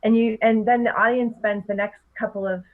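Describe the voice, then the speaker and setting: A middle-aged woman, a public speaking coach, explaining techniques in a podcast interview with animated delivery. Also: fairly high pitch, a little fast. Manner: animated, explanatory, laughs often. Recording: tinny phone-like line.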